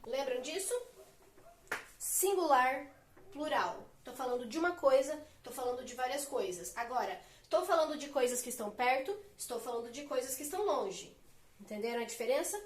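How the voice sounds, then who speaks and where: A woman's voice: sits high, expressive, moderate pace, echoey room, a little hiss or hum. A woman teaching an English grammar lesson at a whiteboard, explaining patiently and asking the class rhetorical questions. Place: room with a whiteboard.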